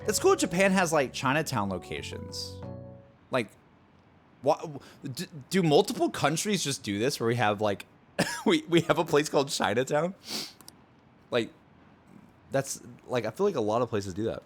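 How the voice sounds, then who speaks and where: A man's voice: mid-range voice, sing-song, normal speed, long pauses, faint music behind. A man streaming a game, chatting casually and rambling to his chat. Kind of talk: casual gameplay commentary.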